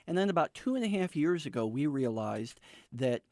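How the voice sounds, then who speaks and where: A man's voice: a little high, very animated, normal speed, warm tone, no room sound. An American man speaking as an author guest in a radio interview, explaining things in an emphatic, storytelling way.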